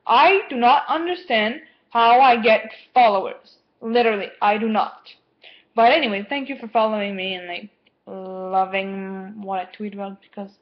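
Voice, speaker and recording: A teenage girl chatting casually to camera at home, rambling and easily distracted, with lots of "like". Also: mid-range voice. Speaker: vlogger. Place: home, indoors. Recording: dull lo-fi webcam sound.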